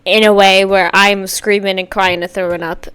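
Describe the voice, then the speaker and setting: A woman giving a casual, campy, sassy music video reaction, gushing and swinging between loud exclamations and hushed asides. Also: mid-range voice, flat delivery, moderate pace, clean tone. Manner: swings from sudden loud outbursts to near-whispered asides.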